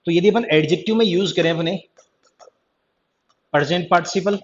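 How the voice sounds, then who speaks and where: Brisk and high-pitched, a male teacher talks in a slightly raised voice during a live online grammar lesson, chatty and teasing as he keeps recalling his students' attention. "ध्यान देना" and "ठीक है जी" come up again and again. The online-class mic yields dull, lo-fi sound with slight background noise.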